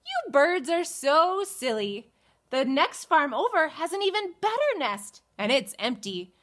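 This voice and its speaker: Frantic storybook dog, voiced by a woman, young, very high, shouting. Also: very animated, unhurried, heavily acted. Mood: exasperated.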